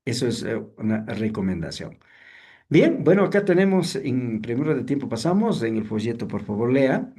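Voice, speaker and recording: A man teaching a seminary class, explaining slowly and hesitantly, often asking rhetorical questions. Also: mid-range voice, warm tone, husky. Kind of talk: online class lecture on songwriting.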